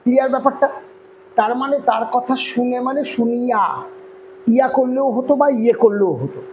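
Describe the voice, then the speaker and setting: A Bengali-accented man runs an online grammar lesson, with a voice that sits unusually high for a man. He walks through each point step by step and keeps checking whether the class has followed. A faint hum of ambient noise sits under the recording. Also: fairly even intonation, brisk, darkish tone, lo-fi sound. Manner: explains step by step, often checks "clear?". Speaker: grammar teacher.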